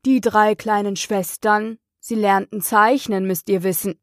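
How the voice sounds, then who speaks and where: A woman reading the part of a sleepy, grumpy dormouse in a storybook, with a hoarse, weak voice and a slow, drowsy, touchy manner. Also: mid-range voice, steady tone, no echo, clean studio sound, lightly acted. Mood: drowsy grumbling.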